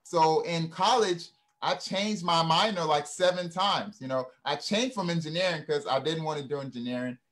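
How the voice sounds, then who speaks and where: A man from Ghana, appearing as a guest speaker, talks earnestly and reflectively, telling stories and often checking in with "right?" and "you know." His voice is slightly high and a bit bright, at a normal speed.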